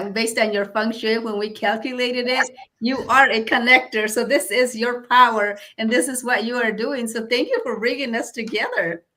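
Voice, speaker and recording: A middle-aged woman from Guatemala whose first language is Mayan, telling her life story earnestly, with frequent um pauses. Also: on the high side, sharp tone. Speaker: guest speaker. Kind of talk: personal storytelling.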